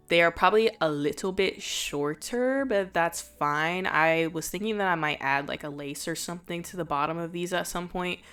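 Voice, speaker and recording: In a casual crafting vlog and voice-over, a congested woman with a cold chats away, playfully poking fun at herself. Her voice sits fairly low and has a slightly bright quality.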